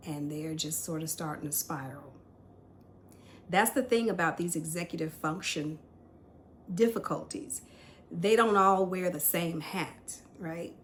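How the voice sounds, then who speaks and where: Middle-aged woman host, lowish voice, chatty and self-deprecating, faint hum behind. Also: fairly bright tone. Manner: candid, self-deprecating, laughs often. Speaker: podcast host. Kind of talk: casual tea-time chat.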